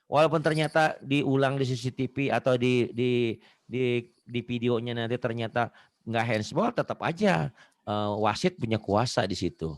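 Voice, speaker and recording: A man's voice: mid-range voice, normal speed, no room sound, studio quality. A man teaching a Quran reading lesson over a video call, patient and chatty, singing verses to correct his student and laughing often.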